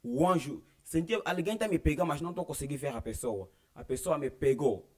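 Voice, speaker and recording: A man's voice: fairly high pitch, lively intonation, brisk. A young man with an Angolan Portuguese accent gives an earnest personal religious testimony, acting out the dialogue he quotes. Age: young adult. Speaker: church member giving testimony.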